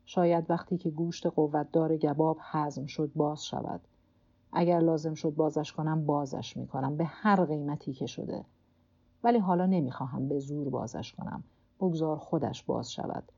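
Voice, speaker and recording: A woman's voice: deep voice, fairly even intonation, creaky, warm tone, husky, muffled recording, full character voice. A woman voicing a weary old male fisherman alone at sea, who mutters stubbornly to himself and to his cramped hand in an audiobook. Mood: muttering to himself. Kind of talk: audiobook character voice.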